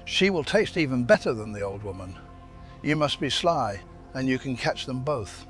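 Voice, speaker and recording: Guy doing a sneaky hungry fairytale wolf, smooth and coaxing, bouncy pitch. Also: expressive, moderate pace, fairly bright tone, faint music behind, lightly acted. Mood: scheming. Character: big bad male wolf, sly and hungry.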